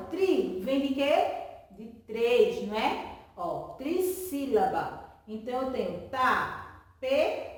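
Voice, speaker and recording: A woman teacher gives a remote lesson to children in a slightly high voice, drawing words out syllable by syllable and answering her own questions in a sing-song way. She is far from the mic, speaking off-mic in an echoey room.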